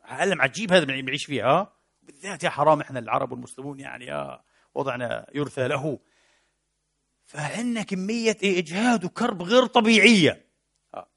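A man giving a lively religious lecture, asking rhetorical questions and answering them himself, mixing colloquial and formal with English technical terms. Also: on the high side, fast, gravelly. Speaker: preacher and lecturer.

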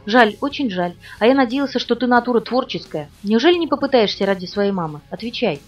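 A woman reading the lines of a calm, falsely polite male villain on the phone in an audiobook. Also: a little high, fairly quick. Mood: cold, polite menace. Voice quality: pleasant tenor, falsely polite. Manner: calm, commanding, mocking. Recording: dull, distant recording with faint music.

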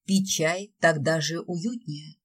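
Brief: courteous young fiancé, woman reader, soft and low-key, audiobook. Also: slow pace. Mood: gentle. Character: gentle young nobleman, the heroine's fiancé.

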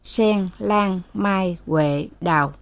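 A woman narrating a story in a steady storytelling manner, voicing its characters. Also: medium pitch, drawn-out words, dry recording.

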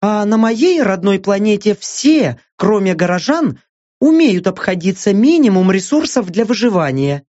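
A male audiobook narrator voicing a brisk, practical young woman, raising his voice and speaking firmly. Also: sits high, big pitch swings, a little mellow, voice pushed up. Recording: dull lo-fi dry audiobook.

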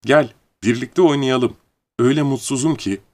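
A man voicing a gentle, curious little boy prince who speaks politely and wistfully. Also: medium pitch, normal speed, voice pushed up, close to an everyday voice. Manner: polite, wondering, softly pleading.

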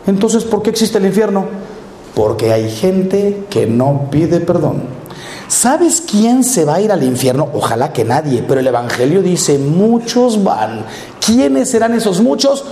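A Mexican man in his fifties preaches to a live audience with a mellow, warm tone and slightly raised pitch. He tells lively stories full of rhetorical questions and acts out other people's voices. The sound carries in a roomy hall with faint ambience behind it. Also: slight background noise. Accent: Mexican Spanish. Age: 50s. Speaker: priest. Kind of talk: conference talk to a live audience.

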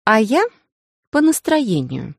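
A woman's voice: a little high, sing-song, slow pace, husky, no room sound, clean studio sound, pitched above the performer's own voice, heavily acted. A woman voicing a playful, cunning young heroine in a romance audiobook, coy and teasing.

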